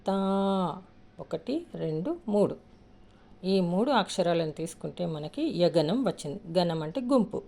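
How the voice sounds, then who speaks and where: A woman's voice: lowish voice, vocal fry, mellow. A woman teaching a lesson step by step, patiently counting syllables aloud and asking questions she then answers herself.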